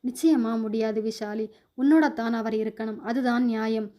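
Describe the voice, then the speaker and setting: A woman voicing a kind, devoted young widower in a spoken story, calm and reassuring. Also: on the high side, normal speed, natural voice.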